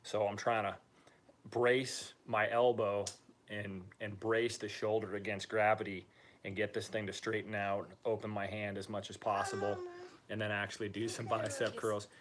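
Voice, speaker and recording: A man talking informally and upbeat in a casual video diary, using relaxed slang as he gives a personal recovery update. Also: on the low side, moderate pace. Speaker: patient giving a recovery update.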